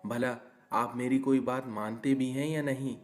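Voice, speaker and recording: A man voicing a quick-tempered young newlywed wife in a cartoon story, indignant and complaining. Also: mid-range voice, fairly even intonation, faint music behind, natural voice. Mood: angry.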